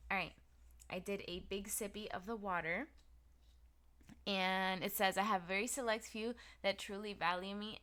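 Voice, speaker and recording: A woman's voice: medium pitch, a bit bright, clear, resonant tone. A woman streamer chatting casually and earnestly with her chat, full of filler words. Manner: talks straight to chat, filler-heavy, earnest.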